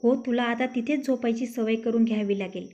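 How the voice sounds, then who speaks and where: A woman's voice: on the high side, fairly even intonation, fairly quick, mellow, close to an everyday voice. A woman voicing a rude, arrogant young husband in a storybook tale, speaking in a taunting, scolding way. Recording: dull lo-fi recording.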